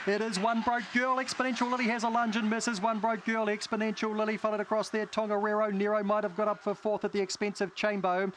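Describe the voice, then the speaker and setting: A man's voice: sits high, flat delivery, quick pace, few pauses, fairly bright tone, a little hiss or hum. A man with a New Zealand accent calling greyhound races live, listing runners in short clipped phrases. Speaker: greyhound race caller. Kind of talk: live race commentary.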